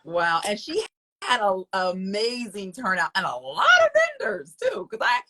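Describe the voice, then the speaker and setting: A woman's voice: medium pitch, huge pitch swings, normal speed, pushed and bright. A woman hosting a podcast interview, encouraging her listeners and speaking to them directly. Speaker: podcast host. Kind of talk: casual interview chat.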